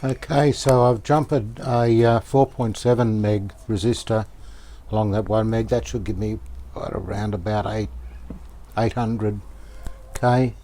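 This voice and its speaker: A hobbyist radio restorer presents a repair video, his fairly low voice moving at a measured pace. He gives casual, hands-on commentary while thinking aloud tentatively, with steady background noise in the recording.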